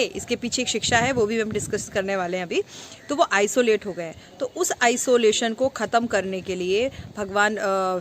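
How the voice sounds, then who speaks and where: A young woman giving a walking tour and telling a temple story outdoors, chatty and stopping for fillers as she mixes in English words. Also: a little high. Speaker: travel vlogger. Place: busy temple street outdoors. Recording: loud street noise outdoors. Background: traffic and crowd ambience.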